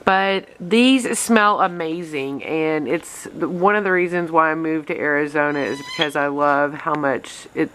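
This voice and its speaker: A woman with a stuffy, congested nose, chatting excitedly and rambling while touring her backyard garden outdoors. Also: low voice, unhurried, few pauses, slight background noise. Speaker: garden vlogger. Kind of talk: casual garden tour chat.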